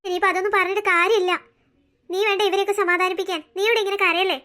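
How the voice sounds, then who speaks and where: A steady middle-aged cartoon father reassures his family and lectures them in a quick, bright voice. A woman acts him out. He sounds even and unshaken. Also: very high-pitched. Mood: steady reassuring. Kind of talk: cartoon story voice acting.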